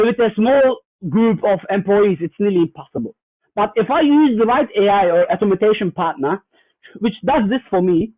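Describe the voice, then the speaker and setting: A German cybersecurity executive with a high-pitched voice joins a fireside chat as a guest, explaining earnestly while often stalling on fillers and restarting. The remote line is tinny and phone-like, dry, with no echo.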